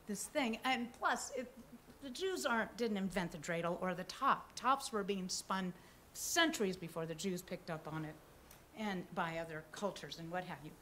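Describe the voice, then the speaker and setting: Standing at a stand mic in a theater, an older musician and storyteller talks the live audience into her next song, her casual introduction musing and slightly nervous. The voice is mid-range and a bit bright, and a faint hiss or hum is audible.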